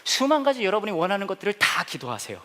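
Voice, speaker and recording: Male pastor, slightly high voice with swinging pitch; light, joking sermon storytelling. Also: fast talker. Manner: joking, self-mocking, lively storyteller. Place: church service before a congregation.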